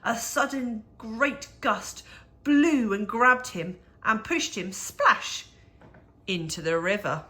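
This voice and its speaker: A woman with a slightly high voice reads a rhyming picture book aloud to young children. Her storytelling is measured and expressive, with dramatic emphasis.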